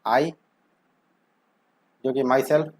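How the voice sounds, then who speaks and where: A man's voice: mid-range voice, steady tone, extremely slow, a little mellow. A young man teaching vocabulary in a lesson, asking questions and answering them himself and drawing words out as he says them. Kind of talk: explanatory lesson with questions to the viewer.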